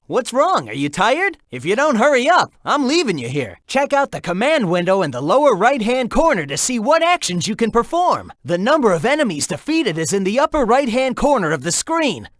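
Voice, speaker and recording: Young hedgehog game hero: upbeat, teasing sidekick guide, lively swooping pitch, close dry sound. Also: male voice, no echo, full character voice. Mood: teasing, cautioning. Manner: energetic, breezy, teasing. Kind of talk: video game character voice lines.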